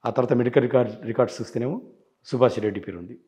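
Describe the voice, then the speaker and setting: A man's voice: mid-range voice, very fast, dark tone. A man as an interview guest, telling his side insistently and acting out past phone calls. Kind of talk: rapid interview account.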